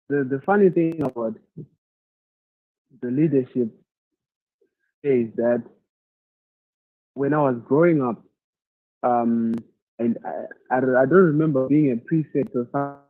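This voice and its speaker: A man from Zimbabwe speaks at a middle pitch in an online masterclass, thinking aloud and often restarting his sentences. His voice comes through a narrow, tinny video-call line with a dry sound and no room around it. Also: dry recording. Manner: thoughtful, halting, repeats words while searching for them. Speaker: leadership speaker answering questions. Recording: tinny phone-like audio.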